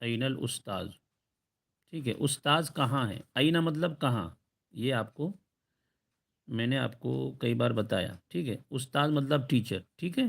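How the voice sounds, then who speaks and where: A man's voice: mid-range voice, creaky. Patient man teaching Arabic lessons. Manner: patient, repeats "ٹھیک ہے؟" checks and slow drawn-out example phrases. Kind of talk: recorded online lesson.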